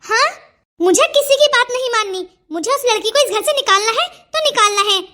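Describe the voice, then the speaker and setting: A woman's voice: very high voice, expressive, moderate pace, pushed and bright, heavily acted. Woman doing a bossy scolding mother-in-law. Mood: angry scolding. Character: stern strict older Indian mother-in-law. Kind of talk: cartoon voice acting.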